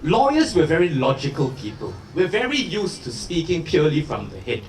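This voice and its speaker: A man giving an urgent activist speech at a political rally, emphatic and deliberate, pausing for effect. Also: a little high, wildly swooping pitch, reverberant, far from the mic, slight background noise, poor audio. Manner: emphatic, deliberate public oratory with pauses for effect and rhetorical questions. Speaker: rally speaker, lawyer campaigning for a candidate.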